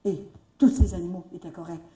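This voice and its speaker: A woman with a Canadian French accent telling faith stories at a retreat, lively, repeating herself and rising into exclamations. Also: on the low side, fairly quick. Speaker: retreat speaker. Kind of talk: storytelling talk. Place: retreat hall. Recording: echoey room, mic far off.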